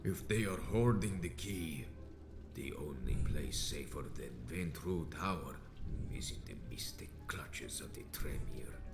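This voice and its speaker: In a video game, a male actor with a bass voice plays a monstrous vampire elder who is badly wounded, grave and vengeful. He delivers slow, theatrical pronouncements in archaic phrasing through a breathy, rasping whisper, heavily acted. The recording is echoey, with loud music running underneath.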